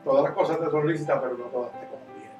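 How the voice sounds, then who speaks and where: A man preaching a sermon as pastor, impassioned and swinging from loud to hushed. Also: fairly high pitch, rapid-fire, distant mic, lo-fi sound. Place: church. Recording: echoey church room, miked from afar, soft guitar behind.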